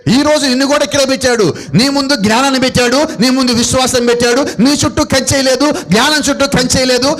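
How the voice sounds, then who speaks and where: A man's voice: very high voice, fairly even intonation, quick pace, fairly bright tone. A man with a Telugu accent preaching a sermon to a congregation, asking them questions and answering them himself. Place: church gathering.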